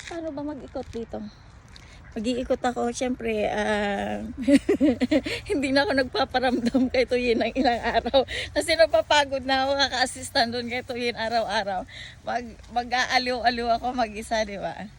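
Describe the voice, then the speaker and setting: A woman's voice: fairly high pitch, moderate pace. A woman vlogging as she walks outdoors by a park pond, chatting and joking, often laughing and mixing in English phrases, recorded on a handheld phone. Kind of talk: casual walking vlog.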